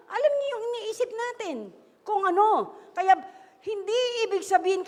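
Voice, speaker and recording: A woman with a Filipino accent preaching a sermon, mixing in English phrases and putting questions to the congregation. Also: extremely high pitch. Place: church. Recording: echoey church hall.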